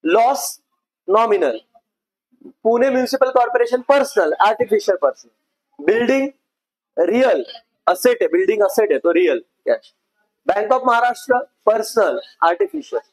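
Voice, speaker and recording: A man's voice: high-pitched, sing-song, measured pace, long pauses, rough recording. A male accounts teacher giving a classroom lecture, explaining step by step and checking in with his students. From India.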